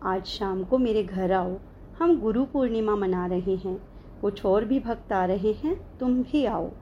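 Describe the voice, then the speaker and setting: Gentle older guru, soft and loving, unhurried; a woman voices him while reading. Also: mid-range voice, lo-fi sound, slight background noise, lightly acted. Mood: inviting. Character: gentle, affectionate older male spiritual guru.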